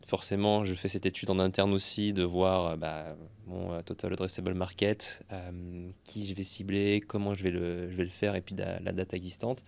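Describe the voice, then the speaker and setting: A man's voice: low voice, level tone, normal speed, gravelly, hardly any pauses, a little mellow. A male podcast host summarizing his guest's points in a hesitant, conversational way. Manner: summarizing, hesitant, many fillers.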